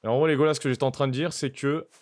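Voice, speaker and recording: A man's voice: medium pitch, steady tone, very fast, a little mellow. A man with a French accent chatting casually on a game stream, playfully mixing in English. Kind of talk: casual gaming stream chat.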